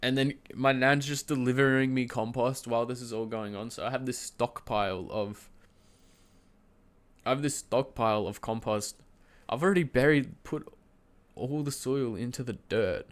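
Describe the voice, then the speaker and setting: At his desk mic at home, a young streamer stands and moves around, his voice congested and nasal from a cold. He talks at a moderate pace in a mid-range voice, rambling casually through a story, stumbling with fillers and restarts and laughing partway through sentences.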